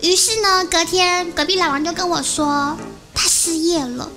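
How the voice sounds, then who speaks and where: Giggly young woman, very high voice, tells a pun on a TV comedy show over loud music. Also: normal speed. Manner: giggly, laughs at her own joke. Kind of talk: telling a pun joke to a studio panel.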